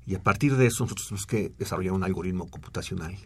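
A middle-aged man explains speech technology in a radio studio. His voice is very low, with gravelly fry and a husky edge. He talks in long explanations full of fillers and restarts. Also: very fast, a little mellow.

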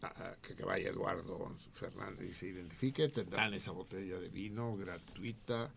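A man hosting a radio show, joking and swearing in casual, animated talk. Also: deep voice, moderate pace, creaky, a little hiss or hum. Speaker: radio host. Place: radio studio.

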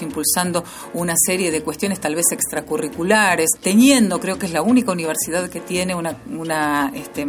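Young woman, lowish voice, thoughtful interview answer, light music. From Argentina. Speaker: university student.

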